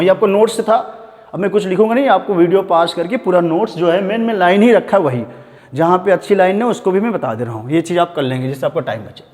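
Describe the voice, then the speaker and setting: A male biology teacher giving an exam-prep lecture in Hinglish, calling students "beta" and reading textbook lines slowly before explaining them quickly. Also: high-pitched, a little mellow, in a large hall. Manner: addresses students as beta, repeats "dhyan denge".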